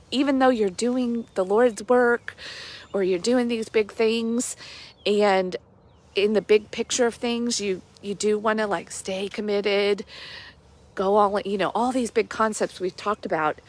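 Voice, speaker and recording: A woman's voice: medium pitch, measured pace. A woman life coach filming herself in a park and retelling a Bible story in a casual devotional chat, full of "like" fillers. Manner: chatty, with many "like" fillers. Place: outdoors in a park at sunrise.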